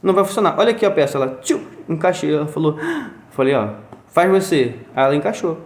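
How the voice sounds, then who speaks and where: A man's voice: fairly high pitch, expressive, quick pace. A father telling a story in a casual conversation. He acts out sounds and quotes as he goes. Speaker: guest, father. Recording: roomy echo.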